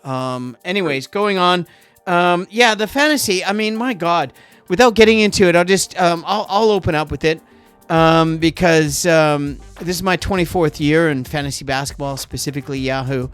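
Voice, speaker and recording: A middle-aged podcast host with a Canadian accent chats casually, rambling and quickly drifting off on tangents. His voice is fairly high and fairly bright, with a clean tone over soft background music.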